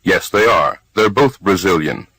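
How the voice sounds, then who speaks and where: Male course reader, deep-ish, animated intonation, careful delivery, dry booth. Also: a little slow, husky, dry recording, rough recording. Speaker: speaker B in language drills. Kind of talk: recorded language-course dialogue.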